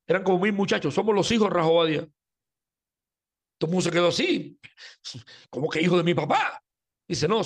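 Male Bible teacher, high voice, storytelling sermon delivery, talks to listeners directly. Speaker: Torah teacher. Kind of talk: sermon-style Bible lesson.

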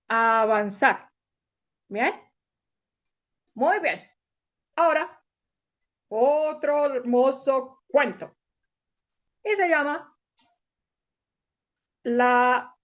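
A woman telling stories to young children in a sing-song way, repeating words for emphasis, on a dull lo-fi recording. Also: a little high. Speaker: children's storyteller and teacher.

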